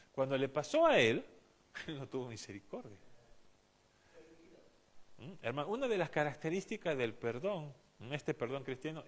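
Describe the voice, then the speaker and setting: Animated Argentine preacher man. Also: mid-range voice. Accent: Argentine Spanish. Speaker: pastor. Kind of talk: sermon.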